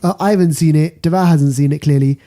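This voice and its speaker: A British podcast host runs casually through the box office rankings on his film podcast, repeating phrases for emphasis. His voice is a little high and warm, and he talks at a quick pace.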